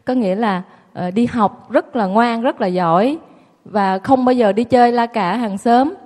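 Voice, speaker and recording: A woman tells her own story to an audience, candid and self-mocking. Her voice sits fairly high. The room carries a long, ringing reverb. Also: a little slow, darkish tone. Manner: candid, self-mocking, laughs while telling. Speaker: guest recounting her childhood.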